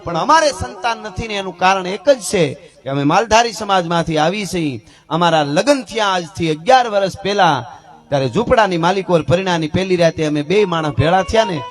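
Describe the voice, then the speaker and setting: A man's voice: sits high, lively intonation, brisk, soft background music. A man voicing a humble, devoted herdsman explaining himself respectfully in a folk story.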